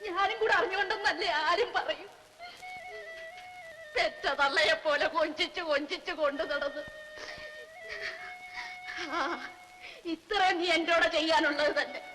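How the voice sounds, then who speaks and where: An actress playing a stern but caring elder village woman who scolds her younger companion in sharp rural speech. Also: very high voice. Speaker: elder sister figure. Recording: film soundtrack with reverb and music.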